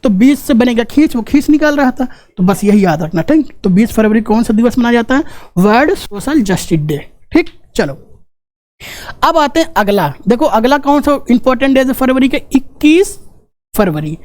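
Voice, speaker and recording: A man's voice: extremely high pitch, very animated, moderate pace, darkish tone. A man teaching a casual exam-prep class with memory tricks, joking, chatty and repeating key points. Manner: joking, chatty, asks rhetorical questions.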